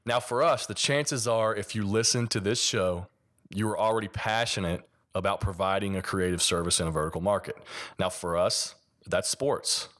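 A man's voice: on the low side, moderate pace, a bit bright. A man with a mild Appalachian accent from Kentucky, hosting a solo podcast and explaining things conversationally with examples. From Kentucky, United States. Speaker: podcast host and sports designer.

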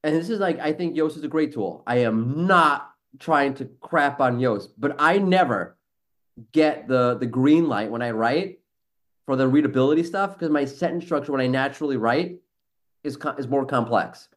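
With an animated, mid-range voice at normal speed, this former teacher turned SEO professional hosts a laid-back podcast. He's blunt and sarcastic, dropping the occasional mild curse.

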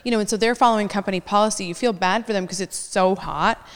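A woman co-hosting a podcast, chatting casually in an animated, exclamatory way in a large living room. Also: mid-range voice, fast, long reverb tail. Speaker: podcast host. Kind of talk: casual chat. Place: cavernous living room at home.

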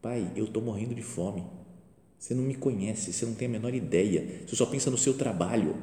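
A man's voice: lowish voice, fairly quick, warm tone, close to an everyday voice. Man voicing a hurt, accusing daughter. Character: grown daughter, upset and accusing. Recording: roomy reverberant room.

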